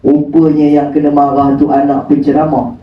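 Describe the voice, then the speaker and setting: A man's voice: fairly high pitch, level tone, normal speed. A man giving a joking religious lecture with teasing rhetorical questions in a mosque prayer hall, recorded on a phone from a distance. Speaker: religious preacher. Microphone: phone camera at a distance. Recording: echoey hall from far off, dull phone audio.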